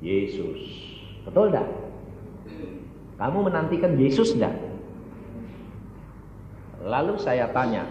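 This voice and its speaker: A man's voice: medium pitch, darkish tone. A man preaching a sermon, firing rhetorical questions at the congregation. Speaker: evangelist preacher. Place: church hall. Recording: echoey hall, dull sound, faint noise.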